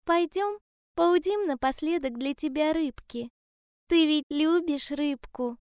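A woman's voice: sits high, takes it slowly, a little mellow, no echo, clean studio sound, voice pushed up. A woman voicing a small, cheerful male hedgehog in a storybook reading, eager and sure of himself. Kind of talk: storybook character voice.

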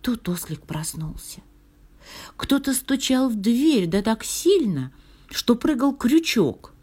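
A woman reading a fairy tale aloud in a soft, half-whispered, expressive storytelling voice. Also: a little high, takes it slowly, breathy edge.

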